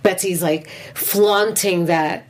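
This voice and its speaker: A woman co-hosting a TV after-show, recapping an episode in casual, animated chat. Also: fairly low pitch. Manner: animated, quick to react with affirmations and laughs.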